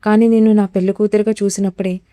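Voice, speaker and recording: A woman voicing a young hot-tempered gangster husband in a storybook reading, forceful and demanding. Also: medium pitch, little pitch movement, fast, dry recording, studio quality, close to an everyday voice. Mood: earnest.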